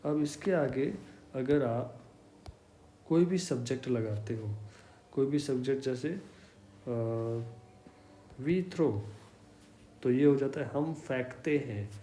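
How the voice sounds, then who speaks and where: A man teaching an English class in a slow, explanatory way, patiently repeating each example. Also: medium pitch, dark tone. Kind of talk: slow explanatory language lesson. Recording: echoey room with faint hum.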